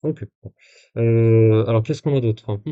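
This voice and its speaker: A man talks through a live stream in a casual, rambling way, full of filler sounds and restarts. His pitch sits in a middle range for a man, and he drops sarcastic remarks between the messages he reads. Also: takes it slowly, phone-quality sound.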